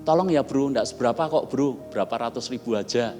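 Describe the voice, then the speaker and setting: A man voicing a smooth-talking phone scammer who poses as an old friend, speaking in a coaxing, pleading way, with long reverb and soft music behind. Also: mid-range voice, brisk, pitched below the performer's own voice, lightly acted.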